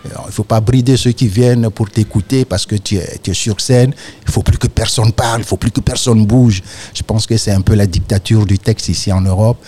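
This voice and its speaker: A man with an Ivorian accent, a storyteller and actor, talking in a radio interview in a lively, animated way. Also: fairly low pitch, a little fast. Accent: Ivorian French. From Côte d'Ivoire. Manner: lively storyteller, animated when describing his craft.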